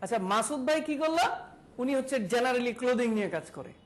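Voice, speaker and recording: A woman's voice: a little high, animated, fast talker. Woman teaching a class, drills students. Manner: questions students one by one, repeats key terms. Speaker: digital marketing instructor. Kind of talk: classroom lecture.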